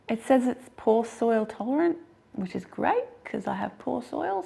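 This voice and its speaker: An Australian woman talks casually to camera in a husky, hoarse voice. Her delivery has a heavy gravelly fry running through it, at a middling pitch. She is chatty and self-deprecating, laughing easily between thoughts. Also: mellow. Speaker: gardening vlogger.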